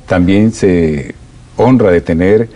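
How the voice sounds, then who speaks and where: A man's voice: deep voice, takes it slowly, mellow. A man hosting an interview show, asking his guest questions in a conversational way. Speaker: radio show host.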